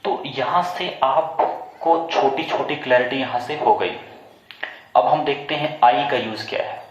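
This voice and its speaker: An English teacher with a mid-range voice leads a classroom pronunciation lesson at an unhurried pace, quizzing his pupils and spelling words out letter by letter before repeating them. The recording is muffled and sounds like an echoey room.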